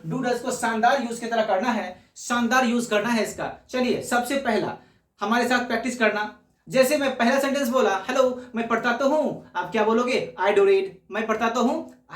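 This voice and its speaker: A man's voice: very high-pitched, recorded from a distance. A man teaching a spoken grammar lesson, repeating each point and asking the viewers rhetorical questions. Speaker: English teacher. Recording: echoey room, voice away from mic.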